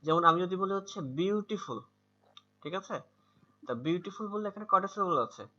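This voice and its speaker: A male English tutor with a Bangladeshi accent teaches pronunciation in an online class, patiently repeating words for students over a video call. His voice sits high, animated and sharp at a normal speed, with muffled video-call audio.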